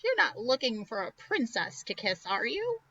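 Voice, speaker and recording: A woman's voice: fairly high pitch, sing-song, normal speed, bright, forceful tone, lo-fi sound, pitched above the performer's own voice, full character voice. A woman voicing a suspicious witch guarding a sleeping princess. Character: stern sleepy-kingdom witch.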